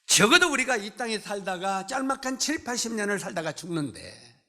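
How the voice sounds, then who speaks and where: A pastor in his seventies preaches a sermon at a church service in a high-pitched, sing-song voice that is brisk and sharp. He talks conversationally, putting questions to the congregation and joking with members.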